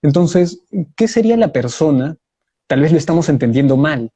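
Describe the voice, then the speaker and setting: On a video call during a live online debate, a guest answers in a warm, husky voice that is on the high side, with lively intonation. His manner is measured: he explains his view step by step and gives examples.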